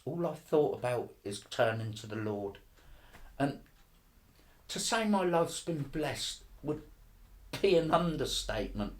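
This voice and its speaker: Earnest man. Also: fairly high pitch. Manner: earnest, halting, repeats words, occasional laughs. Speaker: testimony speaker. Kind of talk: personal faith testimony.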